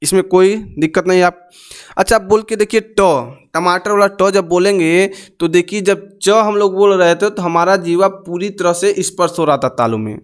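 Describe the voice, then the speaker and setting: A young male teacher with a high, clear, smooth voice. He walks learners through exam grammar step by step, repeating each sound and drilling it with them. Patient, explaining tone. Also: normal speed. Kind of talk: exam-prep grammar lesson.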